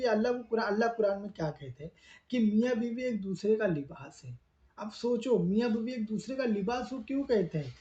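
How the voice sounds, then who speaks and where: A man's voice: high-pitched, warm tone, reverberant, highs cut off. A man answering viewer questions in a live advice talk, earnest and explaining step by step while repeating his points.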